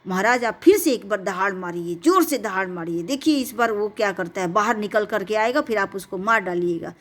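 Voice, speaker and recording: A sly little male rabbit from a bedtime storybook, flattering and coaxing, full of respectful pleading, as a woman storyteller puts him on. His voice lifts higher and brighter than the telling around him. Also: fairly quick, lightly acted.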